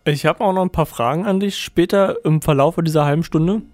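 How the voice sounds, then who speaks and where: A man's voice: on the high side, brisk, dry recording, studio quality. A male radio co-host casually reading odd news items aloud and mocking them, often laughing.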